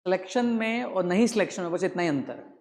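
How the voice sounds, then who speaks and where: A male teacher lectures a class in a big, echoey room with long reverb, firing rhetorical questions at students nonstop. He talks fast and expressively in a high-pitched voice with a darkish tone.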